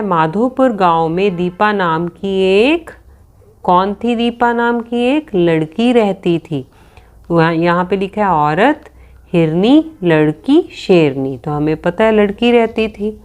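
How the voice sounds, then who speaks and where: A woman's voice: medium pitch, a little mellow. A woman teacher working through a worksheet with children, reading out options and spelling words letter by letter.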